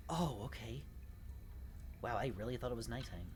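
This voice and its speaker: A woman's voice: a bass voice, noisy background. A woman streamer chatting and reacting aloud as she plays a game, laughing often. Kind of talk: let's play commentary.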